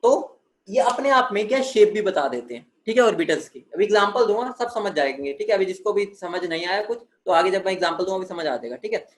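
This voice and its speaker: A man with a high voice gives a chemistry lesson in an echoey room. He keeps checking in with "theek hai" and answers his own questions as he walks the class through the material. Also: lively intonation, fast. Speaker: chemistry teacher. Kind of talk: classroom lecture.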